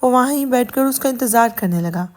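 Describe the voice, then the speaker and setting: High-voiced woman narrating a story. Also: expressive, a little mellow. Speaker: audio novel narrator. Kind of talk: scripted narration.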